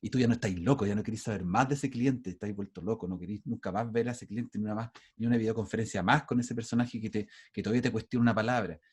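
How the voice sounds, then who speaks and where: A middle-aged Chilean university lecturer teaches a class over video call, his fairly low, husky voice racing along with hardly any pauses. He talks loosely and conversationally, often restarting his sentences, in a Chilean Spanish accent.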